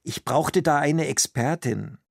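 A man voicing a cheerful, teasing husband in a slow read-aloud story. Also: on the high side, gravelly, no echo, clean studio sound. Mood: breezy. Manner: breezy, joking.

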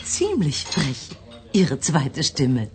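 A woman's voice: deep voice, huge pitch swings, drawn-out words, full character voice. A woman voicing an amused, ironic female hotel manager at a restaurant table in a language-course dialogue.

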